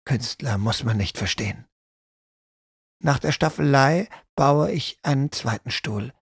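A man narrating a first-person story in a measured, sombre audiobook manner. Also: mid-range voice, gravelly, breathy edge, no room sound, studio quality.

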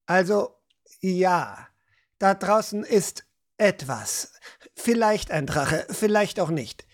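A woman reading an audiobook, voicing a burdened male guard captain in a lowered, hesitant, serious voice. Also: lively intonation, slow pace.

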